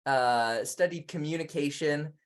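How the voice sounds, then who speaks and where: A man's voice: a little high, unhurried. Chatty, self-deprecating man guest. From Indonesia. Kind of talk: casual conversation.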